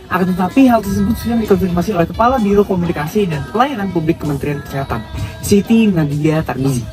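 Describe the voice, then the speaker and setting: A woman reads scripted narration briskly and steadily. Clear music plays behind her voice. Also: fairly low pitch. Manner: steady reading. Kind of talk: read narration.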